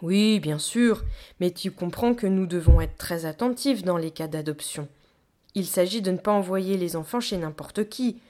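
A woman's voice: on the low side, normal speed, mellow, close to an everyday voice. A woman voicing a cold, ironic male town official who speaks in a smug, mocking way in an audiobook. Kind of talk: audiobook reading.

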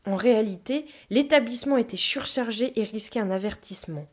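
A woman's voice: fairly high pitch, fairly quick, pitched above the performer's own voice, lightly acted. A woman doing a cold, smug official man. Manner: smug, mocking. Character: cold, ironic man, scheming town official. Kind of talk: audiobook reading.

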